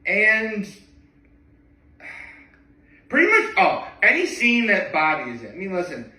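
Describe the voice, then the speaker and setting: A man's voice: a little high, pushed and bright. A man chatting casually about a movie he loves, rambling with lots of fillers and rising enthusiasm. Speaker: vlogger. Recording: echoey room, voice from a distance.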